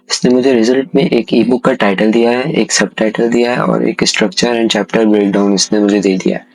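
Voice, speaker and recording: A man's voice: fairly low pitch, a little mellow, no echo, low-quality recording. A man hosting a casual screen-recorded tutorial, talking viewers through each step and often checking in with them. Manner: conversational, repeats "sahi hai" as a filler, addresses viewers as "bhai". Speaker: tutorial host.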